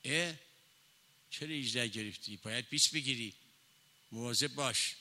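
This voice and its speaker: Man doing a bullying housemaid, scolding, threatening, ringing bright voice, reverberant hall. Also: medium pitch. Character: harsh illiterate housemaid, bullying a schoolgirl.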